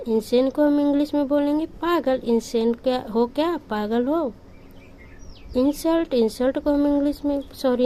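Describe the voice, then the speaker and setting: A woman teaching a vocabulary lesson, repeating each word slowly and giving short example sentences, sometimes correcting her own slips. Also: high voice, dark tone, poor audio. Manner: slow, repetitive word-by-word drilling with example sentences.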